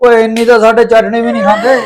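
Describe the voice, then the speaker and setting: A man's voice: very high-pitched, completely flat delivery, fast talker, a little hiss or hum. A man with a Punjabi accent hosting a casual home food vlog, exclamatory and fond of repeating catchphrases to his viewers. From Punjab, India. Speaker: vlog host.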